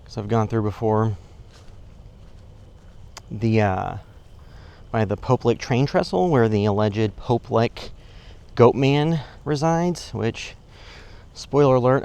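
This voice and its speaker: A man's voice: medium pitch, a little mellow, clear, resonant tone, lightly acted. A man acting as a casual, skeptical amateur creature hunter in a found-footage horror film, muttering hesitantly to his camera. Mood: hushed narration. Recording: noisy location sound.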